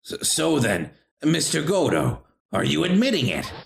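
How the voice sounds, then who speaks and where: Brief: man voicing a confused game judge, gravelly, echoey. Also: fairly high pitch, wildly swooping pitch, measured pace, exaggerated voice. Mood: questioning.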